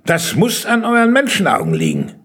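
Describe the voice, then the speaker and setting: A man's voice: high-pitched, wildly swooping pitch, a bit bright, slightly rough, pitched above the performer's own voice, full character voice. A man voicing a tiny, impatient gnome king from underground who grumbles and scolds. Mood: impatient grumbling. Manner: grumbling, scolding, quick to complain.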